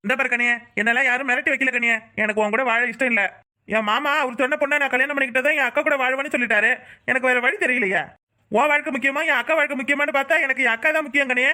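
A whiny, dismissive cartoon husband, voiced by a woman, speaks quickly in a high, sharp voice. He brushes his wife off and sides with his mother. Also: steady tone.

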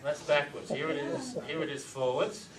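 A man giving a live seminar to an audience, animated, with pauses and asides. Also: on the high side, very noisy. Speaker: lecturer on reverse speech. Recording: roomy hall mic from far off, audience around.

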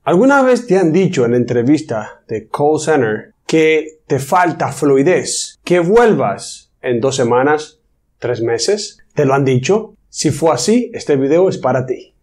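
A man's voice: on the high side, big pitch swings, a little slow, darkish tone. A man, an English teacher, giving a video lesson and explaining things while speaking directly to the viewer.

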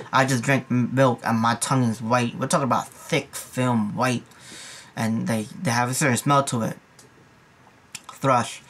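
A man's voice: medium pitch, gravelly, fairly bright tone. A young man and nursing student giving a casual, rambling exam review, full of slang and repeated asides. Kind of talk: casual study review vlog.

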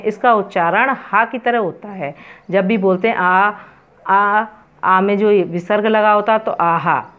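A woman's voice: lowish voice, lo-fi sound. A woman teaching an online grammar lesson, patiently repeating terms and asking the students questions.

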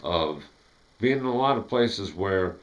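Man, fifties, fairly low voice, laid-back slangy talk, casual home-video chat. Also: expressive, unhurried. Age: 50s. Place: small wood-panelled room indoors.

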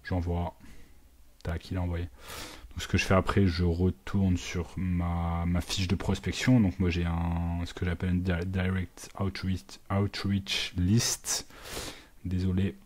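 A man with a deep, steady voice talks through his own work as it happens. His pitch barely moves, and he fills the gaps with hesitations and small sound words, easily mixing English terms into the flow. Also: measured pace. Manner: thinks aloud with many fillers and sound words; mixes English business words into French. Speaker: digital marketing agency owner. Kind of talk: live screen walkthrough, casual.

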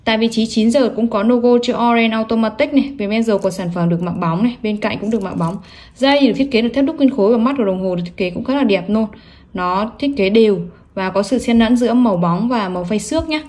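A woman's voice: a little high, quick pace, a little mellow. A woman selling products online in a salesy, emphatic showcase, running through specs and prices. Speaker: online watch seller presenting products.

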